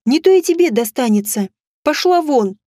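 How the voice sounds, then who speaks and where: A woman voicing a jealous, vicious non-human bride who snarls and shouts with scorn. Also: high voice, expressive, normal speed, dry recording, studio quality. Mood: furious. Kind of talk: audiobook character voice.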